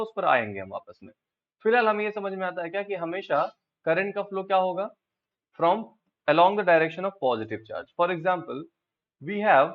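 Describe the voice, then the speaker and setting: A man with an Indian accent teaching physics, explaining step by step and asking his students quick check questions. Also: a little high, dull audio. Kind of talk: classroom lecture, Hindi-English mix.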